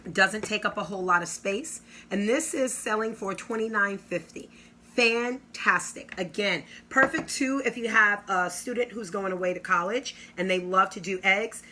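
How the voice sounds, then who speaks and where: A woman's voice: medium pitch, sharp tone, slight background noise. A woman giving an enthusiastic, salesy kitchen product demonstration, drawing out her exclamations. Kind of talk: live kitchen product demo.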